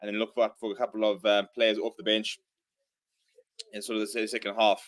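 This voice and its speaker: A hungover man hosts a live rugby watchalong stream, chatting casually and calling the action. His voice sits fairly low, with a flat, brisk delivery typical of livestream banter and live sports commentary.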